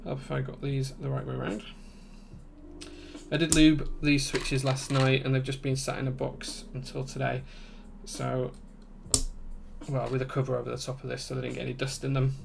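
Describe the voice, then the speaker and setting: A man with a broad Yorkshire accent chatting casually as he hosts a livestream, relaxed and conversational. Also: mid-range voice, normal speed, gravelly, background noise. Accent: broad Yorkshire English. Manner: relaxed, conversational, reading out chat comments. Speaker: livestream host and keyboard builder.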